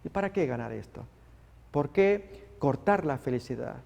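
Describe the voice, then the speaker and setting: A man preaching a sermon, dramatic and expressive, acting out the people in the story he tells. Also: on the high side, normal speed, creaky. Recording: long hall reverb.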